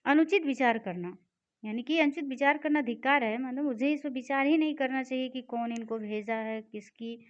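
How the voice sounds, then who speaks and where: This is a woman teaching a Sanskrit class. She speaks slowly in a slightly high voice, reading each verse and then explaining it. The sound is dull and lo-fi. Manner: slow, reads Sanskrit lines then explains in simple terms. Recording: dull lo-fi recording.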